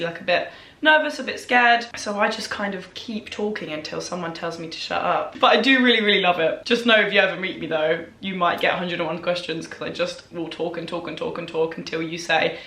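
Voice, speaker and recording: A woman's voice: lowish voice, fast, bright, forceful tone. A young woman in her early twenties chatting casually to viewers, rambling and self-deprecating, repeating words for emphasis. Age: early 20s. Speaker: vlogger answering viewer questions. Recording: echoey room.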